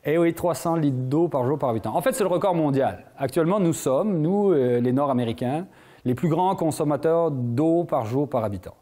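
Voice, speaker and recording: A man with a French accent giving a lecture to a live audience, quizzing the room with questions and speaking in an animated, engaging way. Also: on the high side, moderate pace. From France. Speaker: conference speaker.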